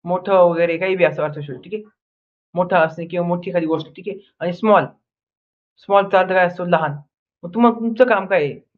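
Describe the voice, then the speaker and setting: A young man teaching an English grammar lesson, drilling word pairs with repeated questions and answers and a constant "okay". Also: high-pitched. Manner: says "ठीक आहे" constantly. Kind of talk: online lesson in Marathi. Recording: tinny phone-like audio.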